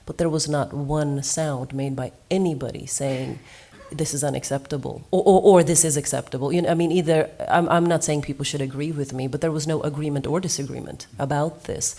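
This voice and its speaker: A woman's voice: deep voice, fairly even intonation, moderate pace, hardly any pauses, dark tone. A woman from Norway, a musician on a seminar panel, telling her experiences in an earnest, reflective way.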